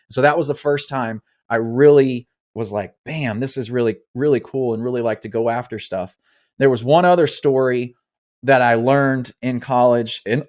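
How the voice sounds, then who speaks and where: Animated man telling a story. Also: mid-range voice. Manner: animated, swears freely, restarts words. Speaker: podcast guest. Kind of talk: casual storytelling.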